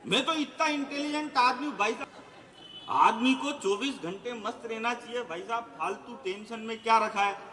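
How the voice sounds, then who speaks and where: A man's voice: very high voice, moderate pace, pushed and bright, slight background noise. A man doing live stand-up comedy, boastful and teasing the audience as he tells jokey stories. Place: outdoor stage by a lake at night. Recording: echoey outdoor PA sound with long reverb.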